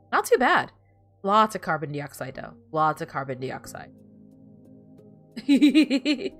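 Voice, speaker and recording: A Spanish-speaking woman streams a video game and chats loosely with her viewers, rambling and frequently starting her sentences over. Her voice sits fairly high and sounds fairly bright.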